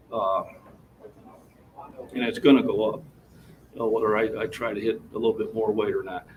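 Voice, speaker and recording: A man's voice: medium pitch, a little mellow. A man in his sixties hosting a gym livestream, chatting to viewers while he catches his breath between lifts. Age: 60s. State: slightly out of breath. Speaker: fitness livestream host. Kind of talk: casual chat to a live chat between lifts. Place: gym, indoors. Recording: distant mic with faint room noise.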